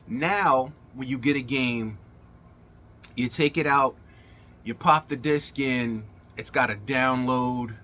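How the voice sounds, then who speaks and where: A man's voice: mid-range voice, takes it slowly, pushed and bright. A middle-aged man hosting a casual gaming vlog, speaking in an emphatic, colloquial showman's way, his words slightly slurred as if from a swollen mouth. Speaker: gaming channel host. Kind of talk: casual vlog monologue to viewers.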